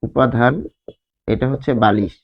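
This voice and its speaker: Speaking in a steady, creaky, mid-range voice, a man with a Bangladeshi Bengali accent gives a slow grammar lesson at a whiteboard, with repeated words and rhetorical questions. The recording has its highs cut off.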